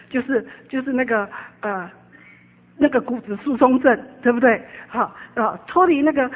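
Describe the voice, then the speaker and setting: A woman, preaching a personal sermon testimony. Her voice sits high and a little breathy, swinging between emphatic, animated preaching and quiet asides. The sound is narrow and phone-like.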